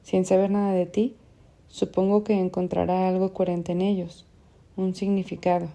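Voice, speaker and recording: A woman's voice: on the low side, little pitch movement, moderate pace, mellow, natural voice. A woman voicing a frustrated young man who questions bluntly and insistently, in an audiobook. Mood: probing.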